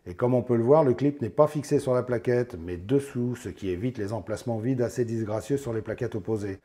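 A man with a hoarse, nearly lost voice, hosting a casual knife review in a chatty, joking way. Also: medium pitch, brisk, mellow. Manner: chatty, jokey, tags lines with "hein". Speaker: knife review channel host.

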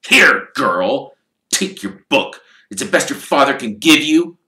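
A man's voice: mid-range voice, big pitch swings, sharp tone, voice pushed up, exaggerated voice. A man reading aloud and voicing a sneering, wealthy older wizard with a cold, drawling manner. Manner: slow, drawling, cold mockery. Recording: echoey room.

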